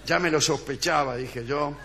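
Bright-voiced deadpan Argentine man. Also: on the high side, moderate pace, creaky. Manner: deadpan, acts out quoted voices, chuckling. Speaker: comic storyteller guest. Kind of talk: comic radio sketch monologue.

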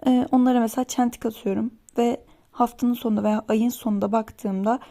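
A woman's voice: on the high side, fairly even intonation, a little fast, warm tone. A young woman casually vlogging her study day, chatty and rambling, getting worked up over small annoyances. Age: young adult. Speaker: vlogger, exam student. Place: home, then a library.

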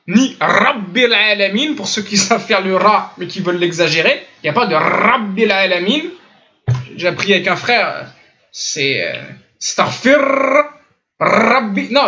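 A man's voice: high voice, bright, forceful tone. A French-speaking man giving an online religious lesson, insistently correcting pronunciation by demonstrating the sounds himself. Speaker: Islamic teacher. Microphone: computer mic in online voice chat room. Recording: lo-fi online voice chat audio.

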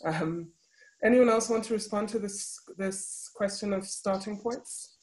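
A woman moderating a panel over a video call from a room with bookshelves, brisk as she reads questions from the chat. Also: mid-range voice, a little mellow. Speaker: panel host. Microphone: laptop webcam on video call.

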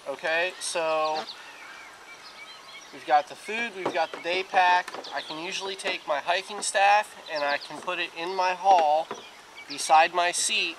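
A man in his thirties with a high, unhurried voice talks plainly and casually, walking through things step by step for his outdoor vlog. He's filmed outside across a grassy yard and lakeside by a camera a few feet off, and background noise comes through clearly.

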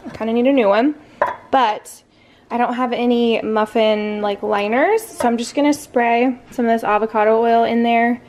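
A woman's voice: fairly high pitch, fairly even intonation, moderate pace, darkish tone. A young woman vlogger chatting casually as she bakes and tours her home kitchen, rambling with plenty of fillers. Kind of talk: casual cook-with-me narration.

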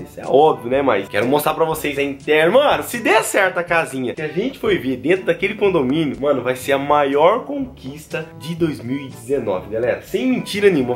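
A Brazilian man in his twenties chatting in a casual, slangy vlog style, emphatic and excitable, into a handheld camera. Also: fairly high pitch. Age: 20s. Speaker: vlogger. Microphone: handheld camera at arm's length.

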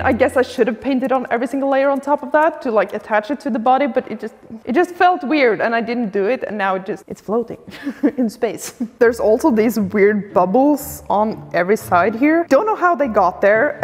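A woman hosting a crafting vlog, chatting casually and excitably, laughing often as she talks through her work. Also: a little high, breathy edge. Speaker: craft video host.

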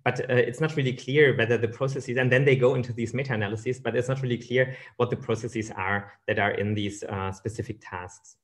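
A man in his thirties delivers a scientific keynote over slides, speaking through a webcam on a video call from an indoor room. His voice sits at a middle pitch, and his delivery is halting and thoughtful, full of "uh" and "um" as he restarts his phrases. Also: fairly even intonation. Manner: hesitant, many fillers and restarts. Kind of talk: academic lecture over slides.

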